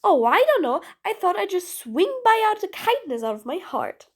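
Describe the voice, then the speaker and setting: A woman's voice: sits high, big pitch swings, normal speed. A woman voicing a sarcastic, exasperated female supervillain in an audio role-play drama, taunting her prisoner with bossy nicknames. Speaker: voice actress.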